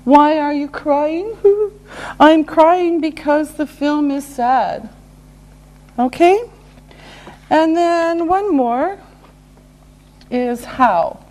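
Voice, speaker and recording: A woman teaching basic English, speaking slowly and clearly and repeating each example sentence. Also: high voice, a little mellow. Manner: very slow, over-enunciated, repeats each example. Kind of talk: slow, deliberate ESL lesson.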